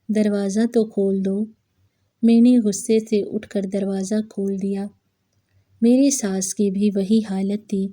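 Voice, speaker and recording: Dark, mellow woman narrating a story. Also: medium pitch. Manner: steady, even reading. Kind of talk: scripted first-person story narration.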